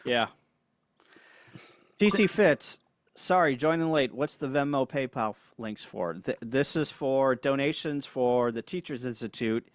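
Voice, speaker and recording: A man's voice: medium pitch, measured pace, no echo. Man, livestream co-host, casual chat, laid-back, dry close sound. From United States. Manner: laid-back, chuckling, reads chat aloud. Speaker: co-host of a ham radio livestream.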